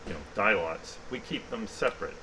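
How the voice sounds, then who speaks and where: A man's voice: on the low side, lively intonation, brisk. A middle-aged man giving an informal guided tour of a warehouse, speaking through a face mask. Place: large indoor warehouse. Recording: noisy warehouse ambience.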